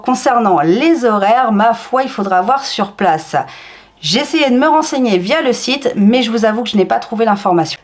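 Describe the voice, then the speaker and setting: Chatty woman vlogging, higher voice that swoops up and down a lot. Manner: chatty, enthusiastic, with fillers and swings in pitch. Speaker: theme park vlogger. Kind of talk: casual vlog narration.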